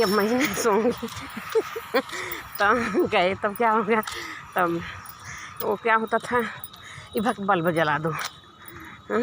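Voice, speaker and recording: Woman rambling thru a story at home, laughs a lot, noisy background w a dog. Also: mid-range voice. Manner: rambling, repeats herself, laughs often. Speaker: vlogger. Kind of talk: casual storytelling.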